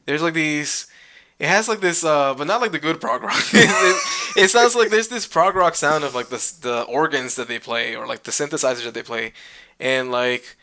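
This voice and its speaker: A man with a bright, forceful voice talks loosely about records. He keeps stopping and restarting, full of ums and likes, in easy podcast chat. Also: a little high, moderate pace. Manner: rambling, many fillers and restarts. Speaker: podcast co-host. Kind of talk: casual music chat.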